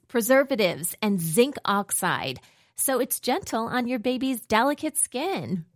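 A woman giving a chatty, expressive read of a scripted commercial. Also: on the high side, no room sound, clean studio sound. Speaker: ad reader.

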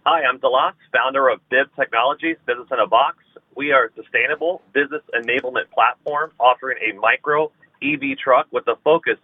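A man calling in from his truck on speakerphone and giving a rehearsed startup pitch in rapid business jargon. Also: dry recording. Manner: rapid, jargon-heavy delivery. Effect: speakerphone call from his truck. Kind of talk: rehearsed business pitch, then casual explanation. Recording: tinny phone line, dry.

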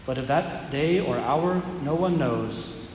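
A man serving as priest, reading scripture, giving parish announcements and preaching in a measured, unhurried way with some "uh" fillers, in a large church with a cathedral-like echo. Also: a little high, lively intonation, darkish tone. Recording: echoey church with long reverb, faint room hum.

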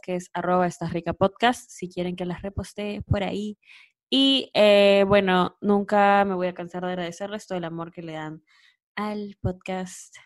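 A woman hosting a podcast, chatting casually and gushing over her listeners. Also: lowish voice. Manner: effusive, gushing. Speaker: podcast host.

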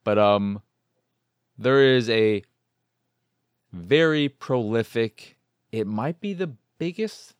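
An American man from Chicago hosts a video game podcast, giving a casual solo game review in a rambling, sweary, self-amused way. His mid-range voice is animated but slow, with long pauses, and sounds smooth in a dry, clean studio recording.

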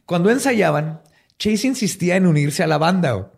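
A man's voice: high-pitched, expressive, a little fast, gravelly, darkish tone. A man with a Mexican Spanish accent hosting a podcast, telling a story in a jokey, slangy way and laughing often. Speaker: podcast host. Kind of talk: casual storytelling chat.

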